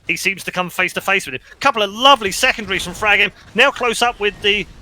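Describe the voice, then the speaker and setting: Excitable game caster, high and very bright voice, light hiss behind. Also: male voice, fast talker. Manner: excitable, jokey, shouts at big plays. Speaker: game commentator. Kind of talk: esports commentary.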